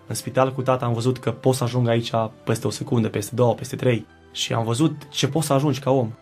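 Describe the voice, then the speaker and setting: A man, a singer and guest, giving an earnest, reflective faith testimony in a studio interview, pausing and restarting as he recalls. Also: medium pitch, creaky, darkish tone, slightly rough.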